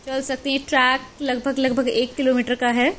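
Her high, slightly bright voice barely shifts in pitch as this travel vlogger walks a waterfall-side mountain trail and cheerfully points out the scenery. Recorded outdoors on a phone, the clip carries the sound of rushing water.

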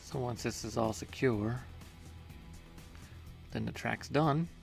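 A man's voice: medium pitch, takes it slowly, gravelly, faint music behind. A man narrating his own workshop build in a casual voice-over, explaining each step in a plain, matter-of-fact way with small hesitations. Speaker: home workshop maker.

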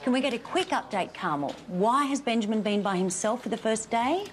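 A woman's voice: on the high side, animated, a little fast, faint music behind. A middle-aged woman hosting a live TV show from a studio set on a lapel mic, asking playful, teasing questions. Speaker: host.

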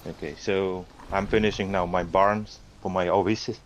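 A man's voice: sits low, little pitch movement, moderate pace. A man chatting casually with fellow players over a voice chat line that breaks up with static. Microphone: wireless headset. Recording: dull lo-fi voice chat audio.

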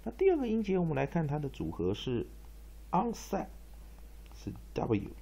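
A man teaching English pronunciation, spelling out letters and repeating words to drill them, often ending phrases with a soft "ha". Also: a little high, huge pitch swings, normal speed, creaky, breathy edge. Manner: tags phrases with a soft "ha" particle. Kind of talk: pronunciation lesson.

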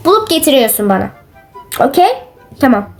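A woman's voice: high voice, very animated, fairly quick, soft background music. A woman playing a whiny sick-acting teacher. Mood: whiny scolding. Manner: whiny, complaining, scolding pupils. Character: lazy grumbling woman teacher pretending to be sick. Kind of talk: comic role-play.

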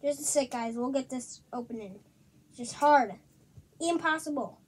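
A young vlogger unboxes toys and chats casually with viewers, getting easily sidetracked. The voice is high and slightly hoarse, moving at a moderate pace.

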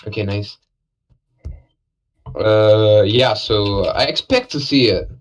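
A man's voice: lowish voice, slow, low-quality recording. A man casually commentating a live esports match, laid-back and joking, with lots of fillers.

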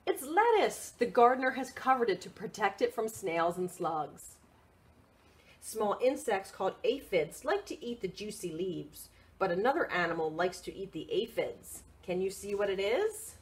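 At a children's storytime, a woman reads a picture book aloud in an expressive, sing-song way and prompts the young listeners with questions. Her voice is mid-range and her pace moderate.

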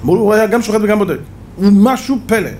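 A man giving an animated sermon as a rabbi, repeating words for emphasis. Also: sits high, slight background noise. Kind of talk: sermon with storytelling.

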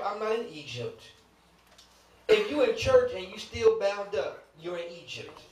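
High-voiced preacher in an echoey church. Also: male voice. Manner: emphatic preaching with rhetorical questions and humor; casual conversational asides to the congregation. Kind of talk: sermon. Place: church sanctuary. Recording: echoey room, mic at a distance.

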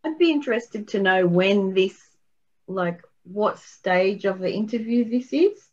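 A woman's voice: medium pitch, expressive, measured pace, darkish tone, dull audio. A woman panelist on a video call, musing tentatively over a clip and trailing off. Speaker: body language panelist. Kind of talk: casual analysis on a video call.

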